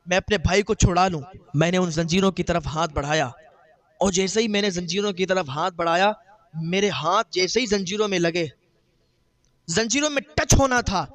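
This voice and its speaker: A man delivers a sermon as a story, his high voice climbing in dramatic, emotional bursts. He voices the people of the tale as he goes. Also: a bit bright. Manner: dramatic, quoting characters in rising emotional bursts. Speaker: preacher.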